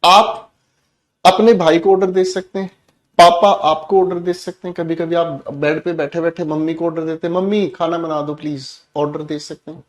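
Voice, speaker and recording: A man teaching a classroom lesson, explaining with loud shouted example commands and calling the students "beta". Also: a little high, little pitch movement, normal speed.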